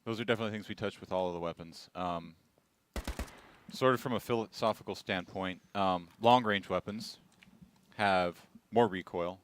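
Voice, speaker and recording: Deep-voiced man on a game stream. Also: moderate pace, slight background noise. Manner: laid-back, chuckling, plays while talking. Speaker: game developer. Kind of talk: casual livestream explanation.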